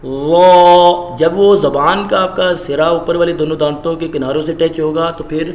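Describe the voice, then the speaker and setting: Male teacher, patient pronunciation lesson, stretched loud letter sounds, echoey room. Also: fairly even intonation. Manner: demonstrates letter sounds slowly and loudly, then explains in a lower voice. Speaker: Quran recitation teacher.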